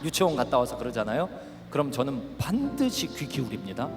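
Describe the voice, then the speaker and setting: A middle-aged male pastor preaching at a youth camp, animated and shouting at the peaks. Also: medium pitch, a little fast. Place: large worship hall. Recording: reverberant hall with faint music.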